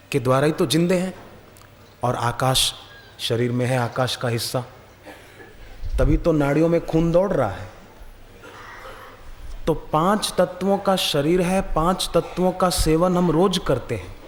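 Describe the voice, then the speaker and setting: A man giving a devotional sermon, telling lively stories and acting out their voices. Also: mid-range voice. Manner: animated storyteller, acts out voices. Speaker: spiritual preacher. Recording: echoey hall, faint background noise.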